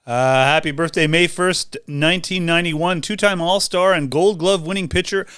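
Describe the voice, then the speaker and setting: A man's voice: a little high, moderate pace, fairly bright tone, clean tone, dry recording, clean studio sound. A man co-hosting a casual sports podcast, reading sports trivia and joking around with his co-hosts. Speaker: podcast co-host.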